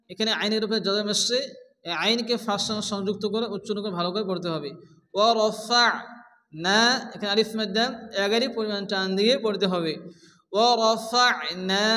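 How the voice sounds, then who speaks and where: Male Quran reading teacher, high and bright voice, explains rules and chants verses, reverberant hall sound. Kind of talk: Quran recitation lesson.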